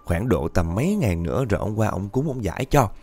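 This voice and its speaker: A man voicing an old village fortune-teller who speaks slowly and solemnly. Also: fairly low pitch, very animated, a little mellow, breathy edge, exaggerated voice. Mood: grave.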